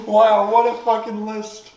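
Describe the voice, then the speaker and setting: A man tasting hot sauce and teasing his friend, often laughing. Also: high voice. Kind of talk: casual group banter. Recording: distant, roomy, noisy.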